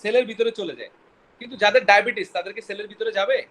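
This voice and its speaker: Fast, high-voiced man teaching biology. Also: fairly bright tone, rough recording. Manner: quizzing, mixes English terms, stumbles over words. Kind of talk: classroom lecture with questions to students.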